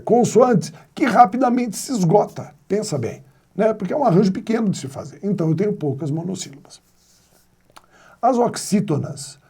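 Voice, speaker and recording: A man's voice: on the high side, gravelly, mellow, slightly rough. A man teaching a grammar video lesson, explaining step by step and posing rhetorical questions to his students. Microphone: wired mic.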